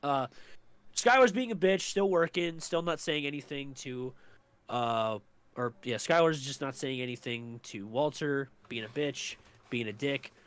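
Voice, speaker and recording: A young man co-hosting a podcast, recapping a show in a loose, rambling way, swearing a lot and filling pauses. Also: medium pitch, fairly bright tone, clear, resonant tone. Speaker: podcast co-host. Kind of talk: casual recap chat.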